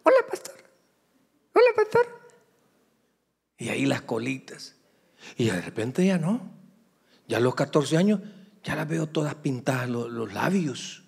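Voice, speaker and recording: A man's voice: mid-range voice, expressive, a little slow, vocal fry, darkish tone, husky, big-room sound. A middle-aged man, a pastor preaching a sermon in a conversational way with humorous asides to the congregation. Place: church sanctuary.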